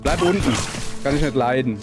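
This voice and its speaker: A man's voice: medium pitch, a little fast. A man with a Palatinate German accent giving chatty let's play commentary, talking to his viewers and mocking himself. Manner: chatty, self-mocking, talks to viewers and the game. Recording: game music playing underneath.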